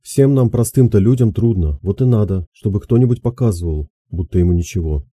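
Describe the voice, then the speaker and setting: A man's voice: on the low side, a little fast, mellow, breathy edge, no echo, studio quality. A man voicing an older peasant woman who gives soothing, homely advice in an audiobook. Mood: advising. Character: older peasant woman, gentle, wise advisor. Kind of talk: audiobook character voice.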